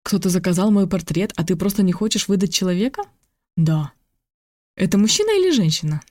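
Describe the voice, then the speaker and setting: A narrator voicing a curious, impatient young woman in an audiobook, full of questions and quick to exclaim. The tone is mellow and warm. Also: mid-range voice, animated, natural voice.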